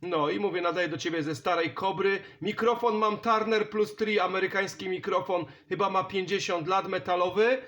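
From his home radio station indoors, a CB operator and channel host chats in a friendly, easygoing way. His voice sits high and a bit bright, steady in tone, moving at a moderate pace with hardly any pauses.

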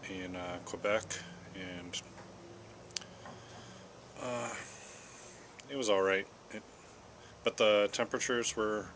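Low-voiced American man, halting pipe-puffing ramble. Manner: unhurried and halting, with puffs on a pipe between phrases. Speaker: vlogger. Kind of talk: casual rambling solo chat. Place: outdoors in a backyard garden. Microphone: camera at about arm's length or a little more. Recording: clear outdoor background noise.

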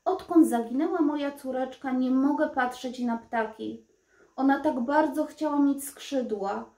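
Woman doing a gruff grieving king. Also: high voice, unhurried, dark tone. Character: grieving angry old king, father. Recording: roomy echo.

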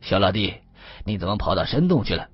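A man plays a jovial middle-aged police detective in an audio story, nosy and chummy, with a low, slightly husky voice. The delivery swings lively, and the recording sounds a little muffled under faint music. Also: brisk, no echo, full character voice. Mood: curious, teasing. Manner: chummy, colloquial, teasing.

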